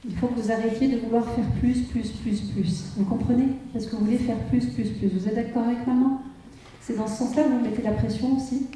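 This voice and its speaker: A woman medium gives a live reading to an audience in a conference hall, constantly checking in with "hein" and "vous comprenez". Her voice is a little high, fairly even in intonation, brisk and warm. It is picked up from afar in the roomy hall by a distant mic, with slight background noise.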